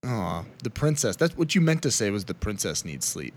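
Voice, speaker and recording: A man's voice: fairly low pitch, sing-song, normal speed, slight background noise. A man chatting casually as a podcast co-host, teasing and self-deprecating.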